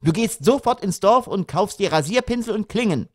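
A man reading an audiobook voices a sharp-tongued, pointed middle-aged mother. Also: fairly high pitch, lively intonation, normal speed, dry recording, clean studio sound, voice pushed up.

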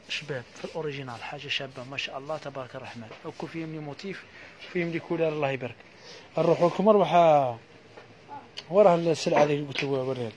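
A man with an Algerian accent giving a live sales pitch for housewares, reeling off prices in a quick patter full of repeated blessings. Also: a little hiss or hum. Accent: Algerian Arabic. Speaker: housewares shop seller.

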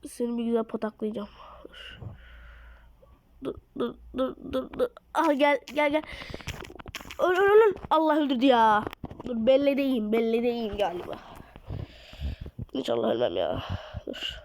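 A woman giving excited live commentary on a mobile game, her voice a little off from being ill, recorded on a phone mic. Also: on the high side, moderate pace, gravelly, pauses often, slight background noise, low-quality recording. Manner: excitable, urges and scolds the game, drops to mutters. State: slightly ill voice. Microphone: phone mic via screen recorder.

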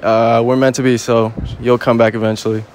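A man's voice: medium pitch, fairly quick, a little hiss or hum. Frank young man talking on a street. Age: young adult. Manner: relaxed, frank, rambling slang. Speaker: passer-by being interviewed. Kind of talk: casual street interview. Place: outdoors on a city street.

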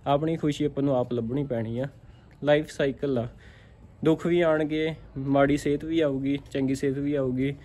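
A man's voice: mid-range voice, fairly even intonation, moderate pace, warm tone. A man with a Punjabi accent, a dairy farmer giving a casual motivational talk to camera, repeating himself and checking in with "theek aa". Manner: repetitive, keeps asking "theek aa".

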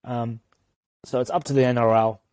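Mellow, dry-voiced New man. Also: medium pitch, little pitch movement, moderate pace, clear, resonant tone, dry recording. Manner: earnest opinions, stumbling over words. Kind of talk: casual sports chat.

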